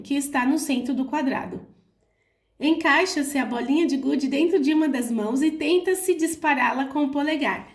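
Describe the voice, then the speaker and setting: A young adult female teacher with a Brazilian Portuguese accent and a high voice reads from a school workbook, explaining the answers to her pupils. She speaks slowly and clearly in a didactic way, spelling out syllables.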